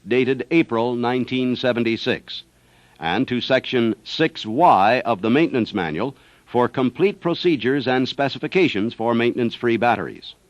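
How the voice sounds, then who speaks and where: Scripted narration for a service training film is read in a methodical way by an American man with a mid-range voice. There's no room sound, and the audio has the dull, dry character of a 1970s training-film soundtrack.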